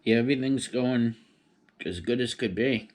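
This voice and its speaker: A man's voice: mid-range voice, moderate pace, a little mellow. Laid-back rambling stoner guy. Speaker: vlogger. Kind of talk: casual solo rambling chat.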